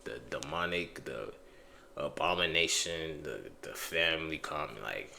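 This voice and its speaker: A man with a very low voice talks through his reactions on a live stream. He speaks loosely and emphatically, with restarts along the way. A faint hiss of noise sits under his voice. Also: animated, a little slow, creaky, pushed and bright. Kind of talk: casual live-stream commentary.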